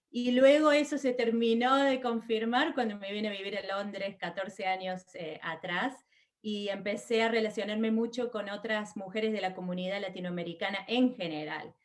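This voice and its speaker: A middle-aged woman from Argentina with an Argentine accent, chatting as an interview guest with many fillers and restarts. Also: medium pitch. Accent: Argentine Spanish. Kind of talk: conversational interview.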